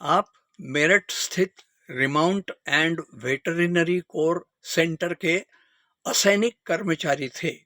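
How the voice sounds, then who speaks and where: A man presenting a radio music program in a measured, formal manner. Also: fairly high pitch, fairly bright tone, dry recording. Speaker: radio announcer.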